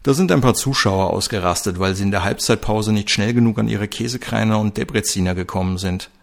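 Uneasy, evasive male coach in a storybook crime tale, read by a man, low and gravelly. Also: a little fast. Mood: defensive.

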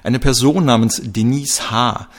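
A man's voice: mid-range voice, steady tone, pitched above the performer's own voice, lightly acted. A man voicing a busy male police colleague reporting to his boss. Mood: brisk. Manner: brisk reporting.

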